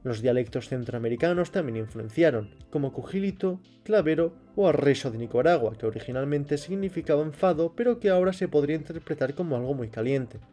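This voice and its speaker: A man, reading a scripted explanation at a measured pace. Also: a little high, animated, warm tone, faint music behind. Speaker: channel host. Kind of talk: scripted narration.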